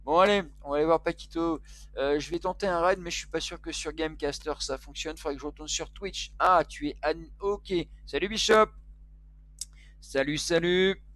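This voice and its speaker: A man's voice: on the high side, fairly quick, a bit bright. A man streaming online chess, talking casually to himself and to his viewers. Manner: muttering to himself, chatty with viewers. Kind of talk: casual live-stream commentary.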